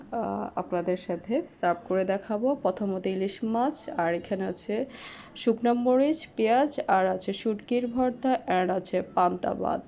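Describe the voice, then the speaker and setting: A woman, hosting a cooking channel and explaining a recipe step by step in a voice-over. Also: medium pitch. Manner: steady step-by-step explaining, mixes English fillers.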